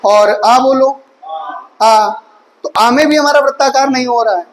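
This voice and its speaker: Woman hindi teacher, high voice, online coaching class, makes students say the vowels out loud, keeps quizzing them. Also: measured pace, a little hiss or hum, rough recording. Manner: drills pronunciation aloud, asks students rhetorical questions; addresses students affectionately as 'beta'. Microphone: recorded for mobile viewers.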